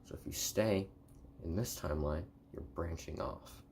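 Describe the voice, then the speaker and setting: A man giving a soft-spoken, partly whispered ASMR review in a hushed voice, rambling and haltingly rephrasing himself. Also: low-pitched, vocal fry, slight background noise. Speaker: video reviewer.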